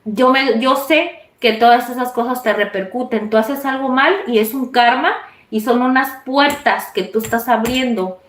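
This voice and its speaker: A woman's voice: a little high, normal speed. A woman, telling a personal story to her viewers in a chatty, confiding way. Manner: chatty, confiding, animated retelling. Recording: echoey room.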